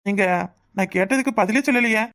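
A woman with a natural, fairly bright voice of fairly high pitch speaks briskly while voicing a cartoon. Her character is a teasing suitor, a cheeky balding village bachelor in wooing mode, and she gives him a southern Tamil accent.

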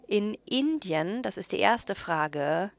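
A woman working as a simultaneous interpreter at a conference panel, relaying several speakers in a steady voice and often correcting herself mid-phrase. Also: mid-range voice, takes it slowly, gravelly.

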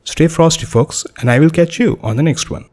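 A young man with an Indian accent hosting a gaming channel, delivering a scripted voice-over review in a sarcastic, deadpan, self-mocking way. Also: fairly high pitch, moderate pace, soft background music.

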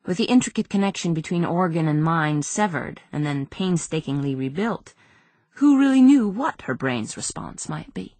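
Low, husky woman narrating. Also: lively intonation, normal speed, a little mellow, no echo. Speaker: audiobook narrator. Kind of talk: scripted narration.

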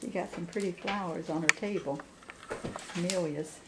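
Gravelly-voiced woman touring a home. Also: lowish voice, steady tone, moderate pace, very noisy. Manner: chatty, encouraging, narrates the tour. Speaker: vlogger. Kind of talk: casual chat while filming. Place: inside a house.

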